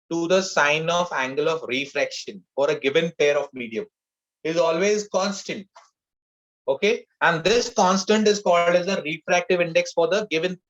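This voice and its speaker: Man, physics teacher, online class, mixes Hindi and English, repeats key terms, fairly high voice, muffled audio. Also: a bit bright.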